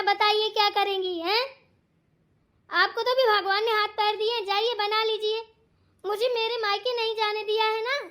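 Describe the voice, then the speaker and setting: A woman voicing a sulky, sharp-tongued young daughter-in-law in a cartoon, complaining in a Bundelkhandi accent. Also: extremely high pitch. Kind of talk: cartoon voice acting.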